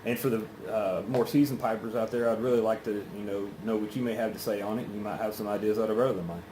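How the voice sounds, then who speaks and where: A man chatting casually through a solo review in an unhurried, halting, rambling way, with pauses. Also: on the low side, steady tone, warm tone. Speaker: pipe tobacco reviewer. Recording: roomy echo, faint background noise.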